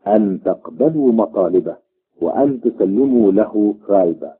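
A man voicing a cunning trickster god who speaks calmly and deliberately, on a tinny, phone-like recording. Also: lowish voice, husky. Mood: sly. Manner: calm and measured.

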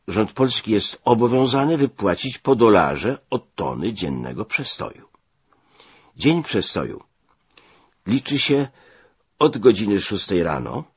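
A man voicing a calm American lieutenant who patiently explains an account, in a dull lo-fi recording. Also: deep voice, husky, no room sound, voice pushed up, heavily acted.

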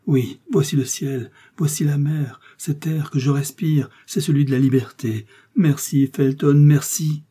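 A man's voice: mid-range voice, normal speed, warm tone, breathy edge. A man voicing a cunning young noblewoman freed from captivity, with a breathless, pleading delivery. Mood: anxious, pleading.

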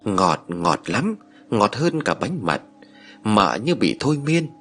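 Husky, expressive male audiobook narrator. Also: lowish voice, takes it slowly, faint music behind. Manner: expressive, dramatic. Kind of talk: storytelling narration.

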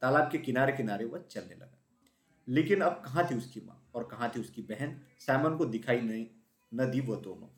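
A man tells a children's story aloud and gives the telling plenty of expression. His voice has a medium pitch. A roomy echo comes through the recording. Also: expressive, normal speed.

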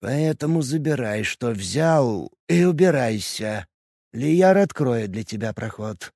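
A man voicing a proud, stern male school leader in a fantasy audiobook, speaking in a low, unyielding tone with a husky edge. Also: expressive, unhurried, dark tone, no echo, studio quality.

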